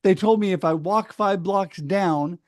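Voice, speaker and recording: A middle-aged man from Oregon talks casually on a video call, telling his story with animated energy and acting out other people's words. His voice sits fairly high. The sound is dry and close, with no room echo. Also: measured pace. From Oregon, United States. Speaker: speaker sharing his story.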